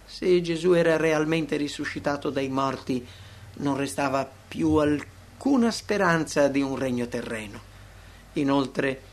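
Man narrating a devotional text. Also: mid-range voice.

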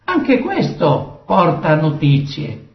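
A man voicing a grieving old king, a father, within a slow dramatic scripture reading. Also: a little high, huge pitch swings, full character voice. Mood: stately. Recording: distant echoey dull recording.

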